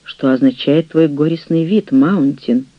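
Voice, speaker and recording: A man reading an audiobook, voicing an earnest, proud young gentleman who speaks with indignation. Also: a little high, measured pace, no room sound, dull audio.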